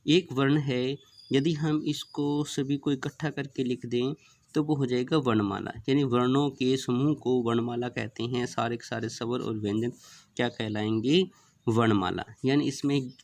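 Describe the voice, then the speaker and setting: Male teacher, mid pitch with a gravelly edge, steady question-and-answer revision, lists items one by one. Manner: asks questions and answers them himself; counts out and lists letters one by one. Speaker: Hindi grammar teacher. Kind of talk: classroom revision lesson.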